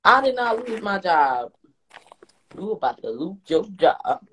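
A woman's voice: medium pitch, big pitch swings, unhurried, a bit bright, a little hiss or hum, low-quality recording. A woman from Newark, brash and profane in casual comedic banter. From Newark, New Jersey.

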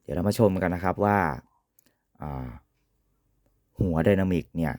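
Deep voice guy doing a casual equipment review, polite, explains step by step. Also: moderate pace, dark tone, dry recording, clean studio sound. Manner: polite, repetitive sentence-ending particles. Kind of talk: informal explanatory product demonstration.

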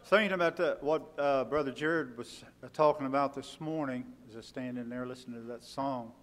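A man's voice: mid-range voice, a little fast, a bit bright. Older man leading a church service. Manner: folksy, punctuated with frequent amens. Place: church sanctuary, at the pulpit. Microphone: pulpit mic. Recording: church hall reverb.

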